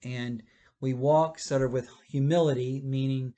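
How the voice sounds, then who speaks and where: A man in his fifties, a pastor giving a children's church lesson, explaining gently and rephrasing as he goes while gesturing, recorded on a webcam in a church library. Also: medium pitch, steady tone, a little slow.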